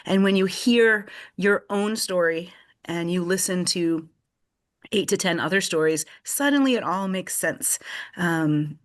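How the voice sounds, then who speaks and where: A woman with a low-pitched voice talks through her ideas in a relaxed, explanatory way. She pauses, restarts and hunts for words as she goes. She sounds like a panel guest speaking over a video call. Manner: thoughtful, explanatory, with fillers and restarts. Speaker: article contributor. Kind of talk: conversational panel discussion.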